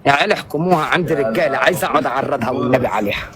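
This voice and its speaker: Man, Egyptian Arabic accent, live streamer, loud and theatrical, begs viewers for gifts, live-stream audio, loud crowd behind. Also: medium pitch, racing. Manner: loud, theatrical, keeps calling out to his viewers.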